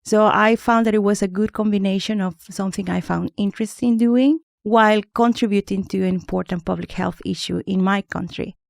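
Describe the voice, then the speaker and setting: A woman's voice: mid-range voice, steady tone, brisk, gravelly, few pauses, dry recording, studio quality. A woman, a microbiologist explaining things carefully as a podcast guest, with small restarts. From Honduras. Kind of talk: podcast interview.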